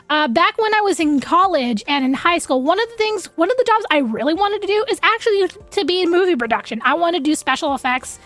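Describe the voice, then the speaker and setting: A young woman with a high voice chats to her game stream. She rambles casually with plenty of filler words and gets effusive and excitable, with soft music playing underneath. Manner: chatty, rambling, frequent fillers like "like". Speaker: game livestream host.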